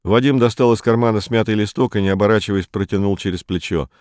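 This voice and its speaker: A man narrating a chapter of an audiobook with steady, even reading. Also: fairly low pitch, quick pace, no echo, studio quality. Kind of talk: scripted narration.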